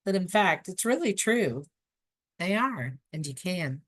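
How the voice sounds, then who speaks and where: Low-voiced woman reading a spiritual book. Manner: calm, unhurried reading with chatty asides. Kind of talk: reading aloud with casual asides.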